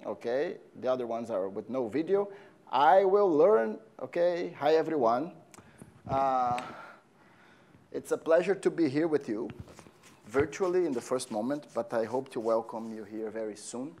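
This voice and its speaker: A man's voice: mid-range voice, expressive, a little mellow. Brazilian-born man lecturing in an empty hall. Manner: friendly, halting with fillers, pauses while writing on the board. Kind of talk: university lecture. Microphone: lapel.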